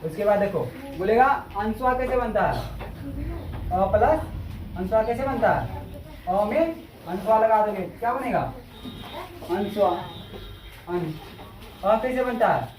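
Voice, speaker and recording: A woman teacher drills her students with repeated questions and slowly drawn-out vowels. She is recorded from across an echoey classroom, with a faint hum of room ambience behind her. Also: medium pitch, lively intonation, darkish tone, recorded from a distance. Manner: repetitive questioning, drawn-out vowel demonstrations, scolding. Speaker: Hindi grammar teacher. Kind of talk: classroom lesson with call-and-response drilling.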